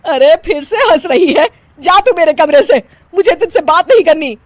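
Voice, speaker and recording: A woman voicing a stern middle-aged mother-in-law in a cartoon, speaking loudly in a scolding tone. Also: very high voice, animated, moderate pace, pitched above the performer's own voice. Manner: loud and scolding.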